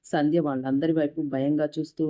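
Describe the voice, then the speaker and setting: A woman narrating a moral story in a steady, even reading voice. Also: low voice, brisk.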